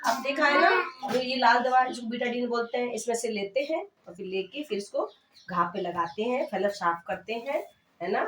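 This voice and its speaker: A young woman speaks to small children at a slightly raised pitch, patiently naming and explaining medical supplies and mixing in English words. She is picked up from some distance across an echoey room, with steady noise in the background. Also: normal speed. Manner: asks the children questions and mixes English terms into her talk. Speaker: health worker showing first aid to children. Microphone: far camera.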